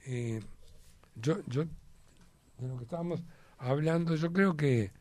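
A man's voice: on the high side, slow, darkish tone, dry recording. A man with a Uruguayan Spanish accent, chatting as a guest in an emphatic, rambling way with many fillers. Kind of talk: casual chat.

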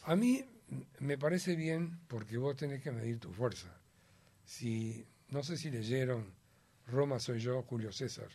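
A man's voice: medium pitch, measured pace, darkish tone. A man with a Uruguayan Spanish accent, chatting as a guest in an emphatic, rambling way with many fillers. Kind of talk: casual chat.

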